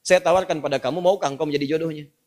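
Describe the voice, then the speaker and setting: A man voicing a kindly old religious teacher who speaks calmly and reassuringly. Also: a little high, very fast, lightly acted.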